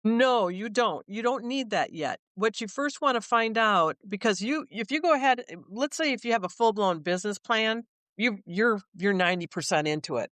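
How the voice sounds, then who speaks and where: A middle-aged small business owner from Minnesota chats as a guest in a casual interview, explaining things through examples and frequently restarting her sentences. Her mid-range voice is a bit bright with lively intonation, and she speaks at a moderate pace with few pauses and no echo.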